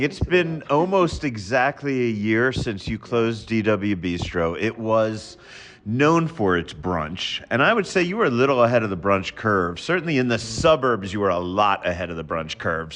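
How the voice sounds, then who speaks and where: A man's voice: mid-range voice, a bit bright. A man hosting a food podcast, asking guests long, chatty, probing questions. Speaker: podcast host. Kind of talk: interviewing, casual chat.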